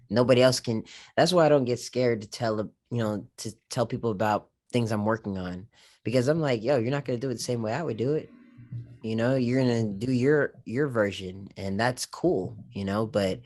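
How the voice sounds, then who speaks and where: A man with a low voice, chatting as a guest on a podcast. He tells stories in an easygoing, casual way and leans on fillers as he goes. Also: a little mellow. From Japan. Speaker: guest content creator. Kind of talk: relaxed podcast conversation.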